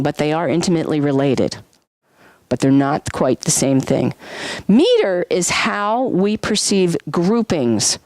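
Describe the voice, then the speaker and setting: A woman teaching a music class in a lively way, often questioning her students and singing examples. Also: lowish voice, dry recording. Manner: lively, sings solfege and vocal sound effects to demonstrate; asks the class frequent questions. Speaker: music instructor. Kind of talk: classroom lecture.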